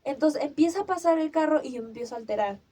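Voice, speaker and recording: A young woman, hosting a podcast and telling a personal story in casual chat, acting out her own cries and shouts as she goes. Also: sits high, lively intonation, quick pace. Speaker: podcast host.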